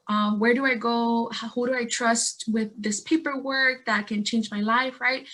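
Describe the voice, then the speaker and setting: A woman's voice: on the high side, a bit bright. A young woman from Guatemala, a community organizer, presenting earnestly over a video call with frequent fillers and restarts. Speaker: statewide organizer and guest speaker.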